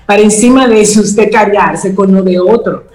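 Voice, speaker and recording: A woman speaking as a guest in a talk show, giving advice and acting out everyday quoted dialogue, slowing down to stress her points. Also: mid-range voice, darkish tone, reverberant, rough recording. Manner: acts out quoted dialogue, slows for emphasis.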